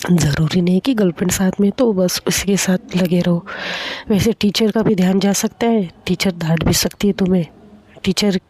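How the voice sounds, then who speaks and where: A woman's voice: fairly low pitch, moderate pace, a little mellow, slightly rough. A woman voicing a bold teenage schoolgirl who teases and scolds her friends, in a casual spoken story. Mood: teasing.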